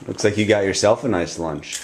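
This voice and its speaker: A calm interviewer in a homemade sketch asks simple questions. The voice is very low. Dishes and pans clatter clearly in the background. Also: a little fast, background noise. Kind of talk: amateur comedy sketch.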